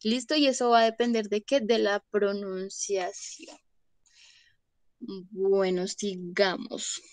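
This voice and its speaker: A woman's voice: medium pitch, fairly even intonation, slow pace, darkish tone, no room sound. A young woman teaching an online English grammar class, patiently checking that students follow along.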